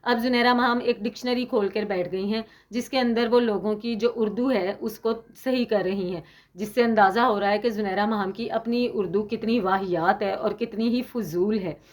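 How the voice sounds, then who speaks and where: A woman's voice: medium pitch, steady tone, normal speed. A woman from Pakistan giving an opinionated commentary monologue as a YouTuber, indignant and sarcastic, scolding with emphasis.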